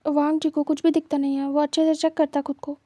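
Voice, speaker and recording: A woman narrates a fanfiction story in a steady, even reading, slipping English words into her sentences. Her voice is high yet very dark in tone, with little rise and fall, recorded close and dry. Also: fast, dry recording.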